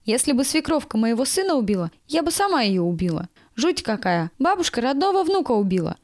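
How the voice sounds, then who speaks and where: A woman's voice: high-pitched, very animated, fairly quick, dry recording, clean studio sound. Woman doing a chirpy, tactless young kitchen aide. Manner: chirpy, indignant, prattling.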